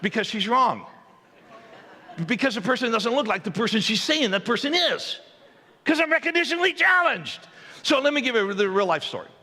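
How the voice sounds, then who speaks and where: Pastor guy telling a funny story about himself, highish voice, big church echo. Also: normal speed. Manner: self-deprecating, anecdotal, animated storyteller. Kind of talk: humorous storytelling sermon. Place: large church auditorium. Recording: long hall reverb in a church.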